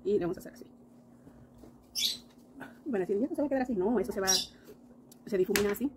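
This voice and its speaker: A woman's voice: mid-range voice, lively intonation, fast, background noise. A woman chatting through a casual makeup tutorial, talking to her viewers with lots of diminutives. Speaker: makeup vlogger.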